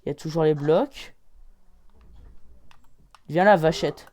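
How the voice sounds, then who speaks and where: A woman hosting a gaming channel, giving excited game commentary with loud exclamations, rating each item out of ten. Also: deep voice, slow pace.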